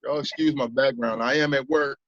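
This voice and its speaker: A man's voice: medium pitch, fairly even intonation, fairly quick, a bit bright. A man at his workplace giving a brief, formal introduction with his lodge titles. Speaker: lodge officer introducing himself. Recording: muffled lo-fi call audio.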